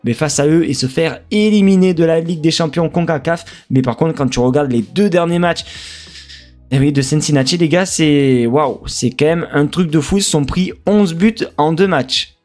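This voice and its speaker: A man's voice: on the high side, moderate pace, darkish tone, soft background music. Chatty French guy previewing a match. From France. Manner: chatty, hesitant, lots of fillers. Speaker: football fan streamer. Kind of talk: casual match preview commentary.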